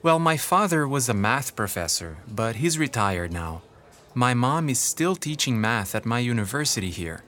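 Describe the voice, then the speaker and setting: A man's voice: mid-range voice, big pitch swings, moderate pace, a bit bright. An actor playing an easygoing young male college student in a scripted textbook dialogue. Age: young adult.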